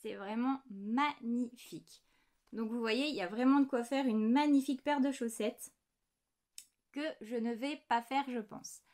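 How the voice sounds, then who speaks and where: A woman's voice: a little high, a little slow, a little mellow. Chatty woman showing knitting supplies. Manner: chatty, apologetic, fond of small details. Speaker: knitting podcast host. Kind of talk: casual show-and-tell chat. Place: home desk, indoors.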